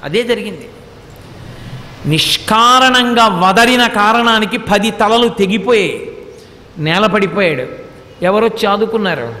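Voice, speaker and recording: High-voiced man giving a devotional discourse. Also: a little slow, long pauses, sharp tone, long reverb tail. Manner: storytelling with acted quotes and Sanskrit verses. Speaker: religious discourse speaker. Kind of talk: Telugu devotional discourse on scripture.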